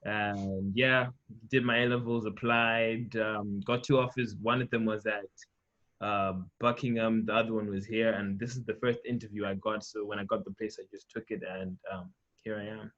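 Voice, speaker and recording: A young man from Zimbabwe, chatting casually on a panel, full of fillers and trailing off quietly. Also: fairly low pitch, little pitch movement, moderate pace, highs cut off. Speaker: panel guest, medical student. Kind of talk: casual chat.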